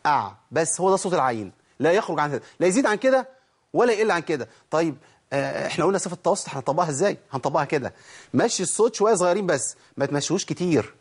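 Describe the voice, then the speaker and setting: Male Egyptian Quran teacher, quick and somewhat high-pitched, explains by asking and answering himself. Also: animated, husky. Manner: asks questions and answers them himself, demonstrating letter sounds. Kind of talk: audio tajweed lesson.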